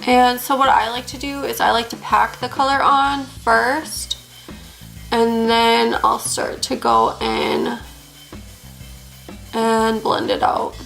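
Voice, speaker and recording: Woman in her twenties, casual makeup chat, raspy fry, slight lisp, music faintly behind. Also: on the high side, flat delivery, takes it slowly, fairly bright tone, poor audio. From Upper Peninsula, Michigan. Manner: chatty, many "like" fillers. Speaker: beauty vlogger. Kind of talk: casual get-ready-with-me chat.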